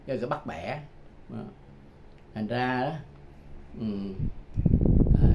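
Older man, teaching. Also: medium pitch. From Vietnam. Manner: chatty, repeats phrases slowly, chuckles often. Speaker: English tutor. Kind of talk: casual self-made language lesson. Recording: dull lo-fi sound with loud background noise.

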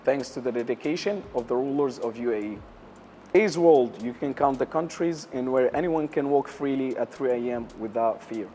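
A young man from Syria answers an interviewer in halting second-language English, leaning on fillers as he finds his words. His pitch sits in a middle range. He sounds close and clear on a lapel mic, with a faint room hum behind him. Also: warm tone. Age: young adult. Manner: hesitant, many uh fillers, non-native English grammar. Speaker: barbershop owner, interview guest. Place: lounge area of a barbershop, indoors.

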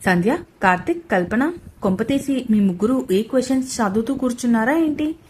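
A man's voice: very high voice, animated, brisk, slight background noise. A woman voicing a young male tutor who is also a teasing husband, with a dry manner.

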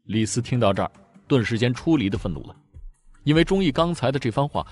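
A man narrating a war audiobook in a steady, dramatic storytelling voice. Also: mid-range voice, breathy edge. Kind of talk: scripted narration.

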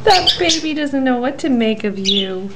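A woman's voice: sits high, lively intonation, measured pace. A woman chatting casually to her pet birds, cooing and repeating phrases as if to a baby, recorded on a handheld camera indoors at home. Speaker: pet owner filming budgies. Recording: noisy handheld home recording, clicks, bird sounds. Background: budgie chirps and clicks.

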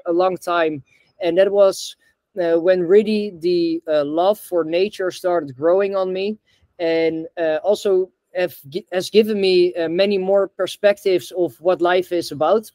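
A young Dutch man, the founder of a bamboo reforestation project, is a guest on a video-call interview from an indoor room. His voice is high with a darkish tone and no room sound, and he speaks hesitantly, full of fillers and restarts.

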